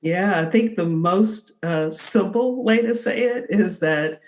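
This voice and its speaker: With a slow delivery and a mid-range, slightly mellow voice, a woman in her forties talks through podcast interview questions. She's there as a guest and company founder, explaining earnestly in a conversational style.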